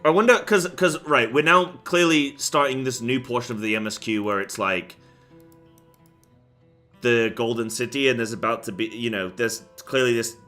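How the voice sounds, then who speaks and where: Chatting loosely with his stream audience, the young man uses a bright, forceful mid-range voice at normal speed. He wanders from point to point with many fillers and grows heated when he rants, with faint music in the background.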